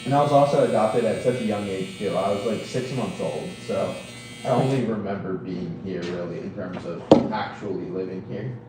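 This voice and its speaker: A man's voice: lowish voice, normal speed, very echoey, far from the mic, heavy background noise. A young man from Guatemala, a barbershop customer, chatting casually with lots of fillers and restarts. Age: young adult. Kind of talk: casual chat.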